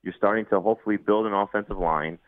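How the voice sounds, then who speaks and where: Fast-talking low-voiced man on a phone-like line. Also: no echo. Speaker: fantasy football analyst, regular radio guest. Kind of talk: casual sports analysis. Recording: phone-like narrow-band line.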